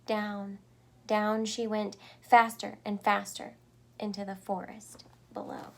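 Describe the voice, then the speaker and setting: Slow-paced woman reading a children's story. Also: mid-range voice, little pitch movement, creaky, fairly bright tone. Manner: deliberate phrasing, dramatic pauses. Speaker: storyteller reading a picture book aloud. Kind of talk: expressive read-aloud for children, with asides explaining words.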